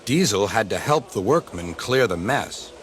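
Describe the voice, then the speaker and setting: A man narrating a children's train story in a measured, expressive reading. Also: fairly low pitch, noisy background. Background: music.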